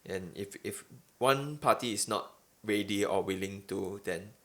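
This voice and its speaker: A man's voice: fairly low pitch, a little slow. A young adult man with a Singaporean accent in a casual podcast chat, using colloquial Singlish phrasing. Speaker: podcast host.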